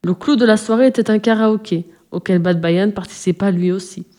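Woman reading a kids' story aloud, mellow warm voice, calm and even. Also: mid-range voice, a little fast. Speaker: narrator. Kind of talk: scripted storybook narration.

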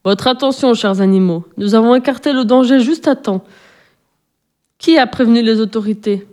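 Une femme qui joue une fouine officielle qui harangue. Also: female voice, a little high, normal speed, mellow, natural voice. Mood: formal. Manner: speechmaking, questioning. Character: male weasel, officious leader.

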